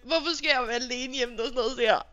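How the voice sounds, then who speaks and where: High, bright-voiced young woman streamer, teary and laughing. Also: lo-fi sound. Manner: overwhelmed, swearing constantly, laughing through tears. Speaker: livestreamer. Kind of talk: live stream chat.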